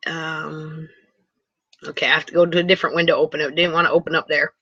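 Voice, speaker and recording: A woman from Wisconsin chatting live with viewers from inside her motor home. She rambles and restarts often and gets excited easily. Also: deep voice, fast, no room sound, lo-fi sound. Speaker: live stream host. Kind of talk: casual live chat with viewers. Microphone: computer mic for a video hangout.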